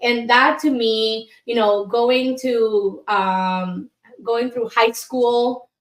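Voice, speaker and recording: A woman's voice: a little high, fairly even intonation, extremely slow, reverberant. A woman from Colombia, an immigration attorney, talking candidly as a guest in an interview with frequent fillers. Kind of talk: casual interview.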